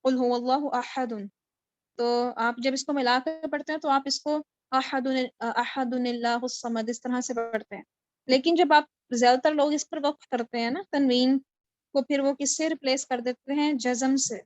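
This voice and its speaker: On a video call from home, a woman with a high, steady, slightly mellow voice teaches Quran recitation in an online tajweed class. She explains patiently and checks that her students are with her, and her video call mic captures no echo.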